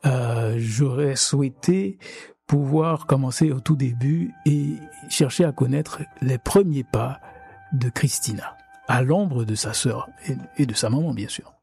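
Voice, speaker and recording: A man's voice: medium pitch, a little slow, gravelly, darkish tone, husky, faint music behind. A man hosting an interview, speaking in a hesitant, roundabout way. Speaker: radio interviewer.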